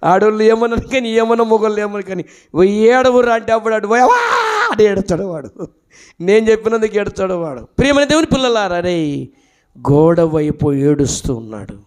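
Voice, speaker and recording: A high-voiced male pastor preaches in a church. He talks in an animated way, calls out questions and waits for the congregation to reply. His voice goes through a handheld mic. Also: quick pace, smooth. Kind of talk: sermon.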